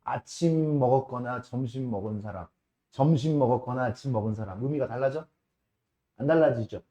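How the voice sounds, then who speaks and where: A man teaching a math class in a casual lecture style, often checking with his students and slowing down to stress key terms. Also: mid-range voice, mellow. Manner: casual, asks students frequent checking questions.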